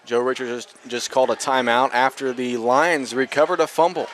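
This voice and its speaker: A young man calls a high school football game play by play, with a mid-range voice. He talks quickly and corrects himself as each play develops. Faint outdoor noise can be heard behind him. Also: steady tone. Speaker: play-by-play announcer.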